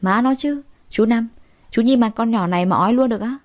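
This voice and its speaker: A woman's voice: on the high side, fairly quick, darkish tone, lightly acted. A woman voicing a scornful rich young man who mocks a plain girl, rude and sneering.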